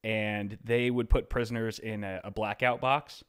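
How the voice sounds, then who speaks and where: A man's voice: lowish voice, level tone, normal speed, fairly bright tone, clean tone. A man co-hosting a podcast, telling stories in a loose, rambling way full of fillers. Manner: rambling, filler-heavy storytelling. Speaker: podcast co-host. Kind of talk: casual chat.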